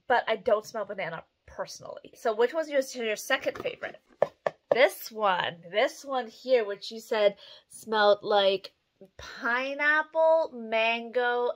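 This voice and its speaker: A woman chats casually and expressively to the camera in a small room at home. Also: fairly high pitch. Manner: chatty, expressive. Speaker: host of a candle review video, mother.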